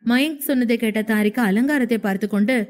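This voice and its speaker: A woman reads a romance story aloud in a steady, scripted storyteller's delivery. Her voice sits fairly high for a woman. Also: fairly quick, faint music behind.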